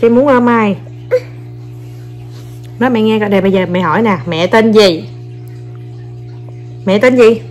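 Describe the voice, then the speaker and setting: A woman's voice: medium pitch, measured pace, pauses often, a little mellow, faint music behind. A young mother, filming her kids and coaxing them, talking to viewers in a casual, playful way. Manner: coaxing, playful, repeats short commands to children.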